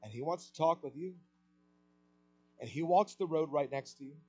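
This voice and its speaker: Impassioned preacher man, fairly high voice. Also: normal speed, low-quality recording. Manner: impassioned, rhetorical questions, swells louder on key points. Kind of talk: sermon.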